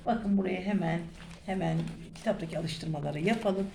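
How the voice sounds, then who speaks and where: A woman's voice: on the low side, gravelly, a little mellow, slight background noise. Patient woman teaching German. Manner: patient, repeats words slowly, drills questions. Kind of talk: private lesson, explaining grammar. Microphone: phone camera over a notebook.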